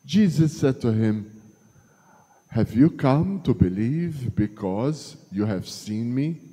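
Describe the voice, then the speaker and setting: A man reading the gospel at Mass in a measured, deliberate, solemn way, his voice ringing with a cathedral echo in a large church. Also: mid-range voice, lively intonation, mellow. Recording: long church reverb.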